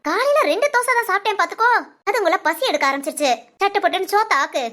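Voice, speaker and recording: A woman's voice: very high voice, animated, rapid-fire, bright, forceful tone, heavily acted. A woman voicing a bossy, scheming older mother-in-law in a cartoon, nagging and scolding, with Tamil village speech. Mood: grumbling. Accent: Tamil Nadu village speech.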